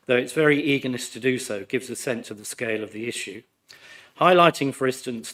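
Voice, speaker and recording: A man, his voice croaky from flu, reading a formal, measured and critical speech as a councillor. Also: medium pitch, a bit bright. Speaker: ward councillor addressing a planning committee. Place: council meeting room.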